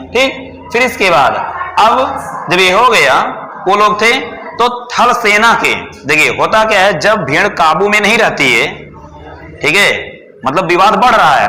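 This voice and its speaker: A man leads an exam-prep lesson in a high, sharply bright voice. He keeps repeating points, checking in constantly and answering his own questions. The sound rings with a long, roomy reverb, as in a bare hall. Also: slight background noise. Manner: repetitive, checks with "ठीक है" constantly. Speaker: teacher.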